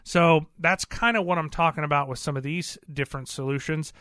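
Guy who runs a car repair shop, bright clear voice, kinda high, rambles earnestly, dry room. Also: fairly quick, dry recording. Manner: earnest, plain-spoken, rambling with fillers. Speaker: auto repair shop owner. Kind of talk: casual interview talk.

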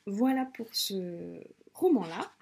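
A woman's voice: medium pitch, expressive, slow, gravelly, dark tone, slight background noise. A woman hosting a book podcast, talking casually with frequent hesitations and restarts. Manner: hesitant, many fillers and restarts. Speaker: podcast host reviewing books. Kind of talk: casual chat.

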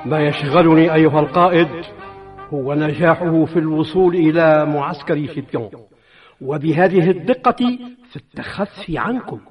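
An actor playing a sharp, argumentative council president in an old-time radio drama. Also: male voice, fairly high pitch, normal speed, distant mic, soft background music, lightly acted. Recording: dull old radio recording, voice set back from the mic.

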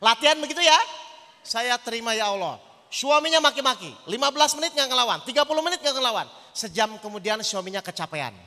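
A male Islamic preacher giving an animated sermon, telling a story and often questioning his audience. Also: very high voice, fast, hardly any pauses. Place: hall with an audience. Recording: long hall reverb.

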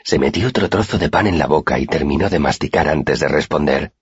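A man reading a novel aloud in first person, calm and measured. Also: extremely low pitch, husky, no echo. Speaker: audiobook narrator. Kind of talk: scripted first-person narration. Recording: dry, slightly dull recording.

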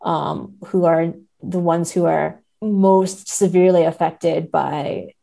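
Slow, creaky and mellow, her lowish voice has fairly even intonation. She's a podcast guest in a considered literary discussion, analytical and hedging, often looking for agreement by adding "right?".

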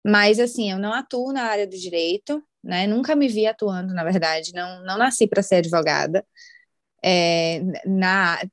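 A woman's voice: mid-range voice, moderate pace, no room sound, clean studio sound. A woman, a guest chatting in a podcast interview and using many fillers. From Brazil. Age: 20s. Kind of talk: casual interview chat.

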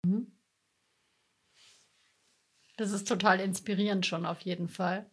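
A woman's voice: medium pitch, steady tone, a little slow, husky. A woman hosting a podcast interview, listening closely and asking follow-up questions. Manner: attentive, asks follow-up questions. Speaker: podcast host.

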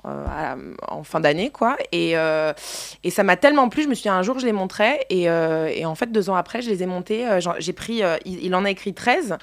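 Woman, young adult, actress guest, radio chat, lively storyteller, fillers, dry sound. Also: lowish voice, a little fast, vocal fry, no room sound. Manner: lively storyteller, laughs often, many fillers.

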